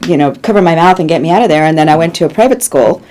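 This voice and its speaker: A Cuban-born woman in her sixties, a guest producer telling animated stories in an interview and laughing easily. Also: low-pitched, rapid-fire. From Cuba. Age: 60s. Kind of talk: conversational interview storytelling.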